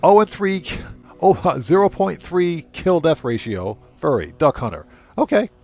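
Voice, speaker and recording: A slightly high, creaky male voice with a darkish tone sounds very animated at a moderate pace, with soft background music. He hosts his livestream channel, playing a game while chatting informally, thinking aloud, and reading the chat and on-screen text.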